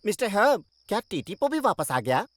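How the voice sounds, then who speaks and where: A woman voicing a brash, boastful but soft-hearted young boy diesel engine in a Hindi dubbed children's cartoon. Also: medium pitch, very animated, a little fast, no echo. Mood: friendly.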